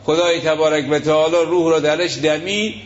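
A man's voice: a little high, steady tone. Emphatic male preacher, lo-fi. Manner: emphatic, rhetorical questions, retells stories with acted quotes. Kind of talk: sermon. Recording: lo-fi muffled recording.

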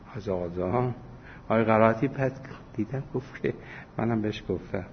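A man giving a religious lesson, telling anecdotes full of quoted dialogue and small chuckles. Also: fairly low pitch. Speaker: religious teacher. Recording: dull lo-fi recording with faint hiss.

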